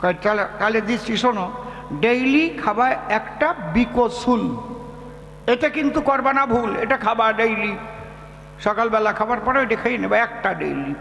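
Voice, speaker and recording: A fussy village doctor, as a male storyteller puts him on, coaxing a patient through his medicines and checking he follows. The voice sits very high for a man and has a gravelly edge. It rings through an echoey hall, with faint music behind. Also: animated, fairly bright tone, exaggerated voice. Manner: slow, coaxing instructions with checks for understanding.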